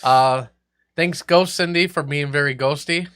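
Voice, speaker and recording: A male podcast host with a fairly high, very bright voice. He chats casually and swears freely, in a close, dry studio sound. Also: measured pace, smooth, no room sound. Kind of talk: casual chat, profane banter.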